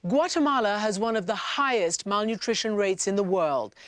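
A middle-aged woman reporter asking gentle, direct questions on location. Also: mid-range voice, animated, normal speed, no room sound. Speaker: reporter interviewing. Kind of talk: field interview.

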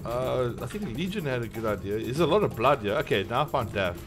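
Excitable gamer guy, lively voice. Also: medium pitch, brisk. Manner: excitable, swears, shouts at action. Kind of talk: co-op gameplay chat. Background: game music and gunfire.

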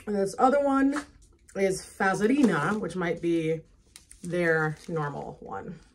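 A woman's voice: fairly low pitch, slow. A woman food vlogger chatting casually while tasting snacks, talking with her mouth full with touches.

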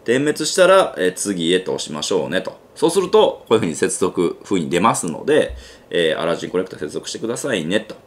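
A man's voice: deep voice, very animated, a little fast, few pauses. A man with a Kansai accent hosting a casual gadget unboxing review, chatty and thinking aloud with lots of fillers. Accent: Kansai Japanese. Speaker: gadget reviewer and channel host.

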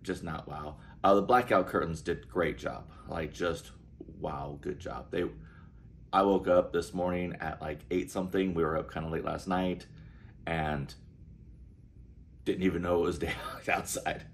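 Filming on a handheld phone indoors, a man in his forties who vlogs about casinos cheerfully tours and reviews a hotel room, tossing in frequent asides. He speaks unhurriedly in a low voice with fairly even intonation, and a little hiss or hum is present.

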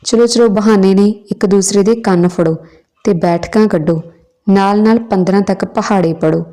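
A woman's voice: mid-range voice, steady tone, moderate pace, mellow, natural voice. A woman voicing a stern female village schoolteacher who scolds late pupils. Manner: bossy, commanding questions.

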